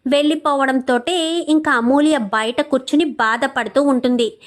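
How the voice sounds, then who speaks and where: A woman with a notably high voice narrates a scripted TV serial recap. Her telling is dramatic, and she keeps posing questions as she moves through the story. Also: normal speed.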